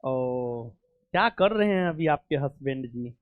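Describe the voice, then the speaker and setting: A man's voice: medium pitch, animated, a little slow, dry recording, phone-quality sound. A male coaching teacher with a Bihari Hindi accent, chatting casually and fussing affectionately as he honors students. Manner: affectionate, joking, fussy.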